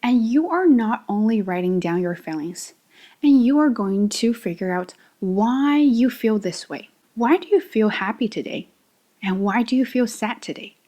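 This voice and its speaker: A woman hosting a podcast English lesson. She coaches the listener directly and shows intonation with big swings in pitch and loudness. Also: animated, unhurried.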